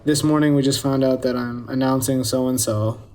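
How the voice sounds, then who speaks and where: A man's voice: medium pitch, steady tone, normal speed, mellow. A man being interviewed, answering hesitantly, unsure and evasive.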